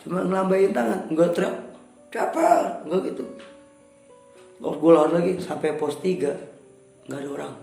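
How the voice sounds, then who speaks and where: A young man telling a story in a casual interview, animated, raising his voice for quoted dialogue. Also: a little high, brisk, vocal fry, long pauses. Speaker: guest storyteller. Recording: echoey room with soft music.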